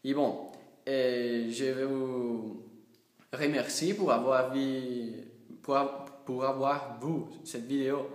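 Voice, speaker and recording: A young man, a native Italian speaker with an Italian accent, speaking halting broken French with learner's errors in a casual vlog to camera. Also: medium pitch, steady tone. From Italy. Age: young adult. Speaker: language learner making a video. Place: small indoor office. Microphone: phone at arm's length. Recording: echoey room sound.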